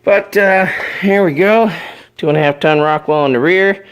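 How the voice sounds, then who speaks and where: A man with a cold and a voice going hoarse, giving a laid-back, rambling walkaround of a project in a casual vlog. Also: high voice, moderate pace. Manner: laid-back, rambling, lots of "uh" and "you know". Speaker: vlogger.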